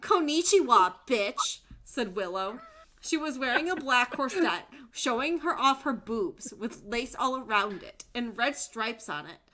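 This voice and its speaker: A woman's voice: on the high side, animated, measured pace, sharp tone. A young woman streamer giving a comedic dramatic reading of narration, often breaking into laughter. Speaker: streamer hosting a group reading.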